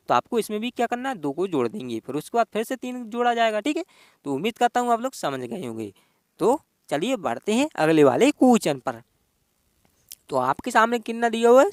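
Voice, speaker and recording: A man's voice: high voice, no room sound, studio quality. A male teacher giving an exam-prep reasoning lesson, explaining step by step and asking himself rhetorical questions.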